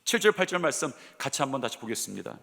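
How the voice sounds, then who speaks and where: A middle-aged male senior pastor preaching a sermon, earnest, moving between loud urging and hushed, tender lines. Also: mid-range voice, very animated, rapid-fire, gravelly. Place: church sanctuary. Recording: long church-hall reverb.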